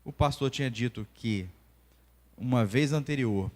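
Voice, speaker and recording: A Brazilian doctor in his forties, speaking a little slowly at medium pitch, teaches a church class in a church hall with long reverb. With a Brazilian Portuguese accent, he shares personal stories animatedly and acts out the dialogue.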